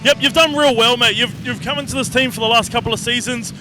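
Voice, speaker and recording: A man's voice: extremely high pitch, steady tone, fast, over music. A man with a New Zealand accent doing casual, matey live interviews as a pit reporter. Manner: blokey, matey. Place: outdoors in rain at a speedway. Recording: noisy outdoor speedway with engines.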